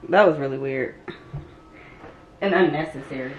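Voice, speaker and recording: A woman in her thirties chatting casually as a vlogger at home, relaxed and drawling. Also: low voice, moderate pace, dull audio, soft background music. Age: 30s. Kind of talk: casual chat. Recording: roomy echo, light room noise.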